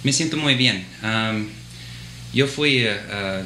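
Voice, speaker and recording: Here a thirty-something physician assistant, English being his first language, answers interview questions in Spanish picked up in the Dominican Republic, carrying an American accent. Speaking slowly in a low, sharp voice, he hesitates and restarts a lot with many fillers. The rough recording in a clinic office is roomy, with slight background noise.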